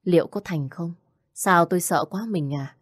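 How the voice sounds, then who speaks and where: A woman's voice: on the low side, moderate pace, slightly rough, dry recording, studio quality. A woman voicing a timid young pregnant wife who answers hesitantly and politely. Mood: fearful. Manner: hesitant, deferential.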